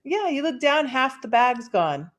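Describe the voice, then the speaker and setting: A woman's voice: sits high, measured pace. A woman co-hosting a podcast, chatting casually and agreeing often. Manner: agreeable, lots of yeahs, animated. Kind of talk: casual chat.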